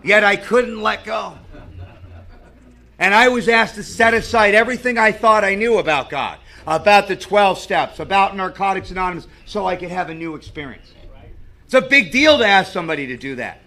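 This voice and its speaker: A man's voice: high-pitched, expressive, normal speed, bright, forceful tone. A man speaking at a recovery meeting, sharing his story in an earnest, conversational way. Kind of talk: personal recovery share with stories.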